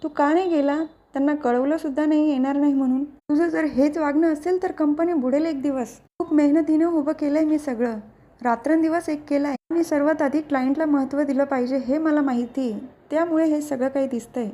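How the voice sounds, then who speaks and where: A woman's voice: high voice, fairly even intonation, a little fast, mellow, close to an everyday voice. A woman reading a furious proud father. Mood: angry. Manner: scolding, stern. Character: angry proud middle-aged father, business owner.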